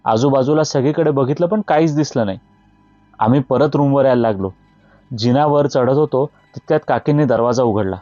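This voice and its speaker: A man tells a horror story in a steady, measured narration. His voice is mellow and dark, recorded dry and a little dull. Faint music plays underneath. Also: mid-range voice, no room sound.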